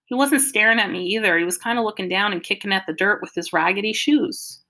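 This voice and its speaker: A woman reads a first-person audiobook in a lively, expressive storytelling style. Her voice sits in the mid range, and she reads fast.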